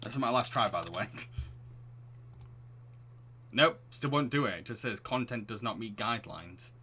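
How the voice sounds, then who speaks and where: A man's voice: on the low side, normal speed, bright, forceful tone, slight background noise. A man streaming a game, chatting restlessly with his viewers, laughing often and reading the story aloud.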